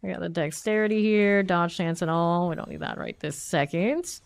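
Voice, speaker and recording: This woman's lowish, creaky voice moves at a moderate pace as she streams a game and thinks aloud, chatting casually and questioning her own choices. She sounds stuffed up and sniffly with a cold, and there's no room sound.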